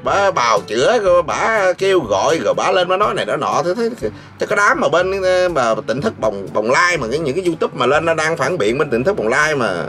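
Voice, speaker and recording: A man's voice: on the high side, very animated, a little fast, few pauses, a bit bright, soft background music. Guy ranting on his vlog, sarcastic, bouncy voice all over the place. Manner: sarcastic, scolding, laughs mid-sentence. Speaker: vlogger host. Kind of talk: mocking commentary rant.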